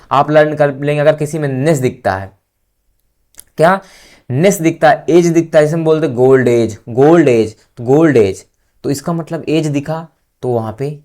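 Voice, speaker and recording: A man teaching English grammar in a casual lesson, spelling out words slowly and often checking that his students follow. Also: on the high side. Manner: keeps asking "samajh mein aaya?", drawn-out spelling and dictation. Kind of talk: informal classroom lesson.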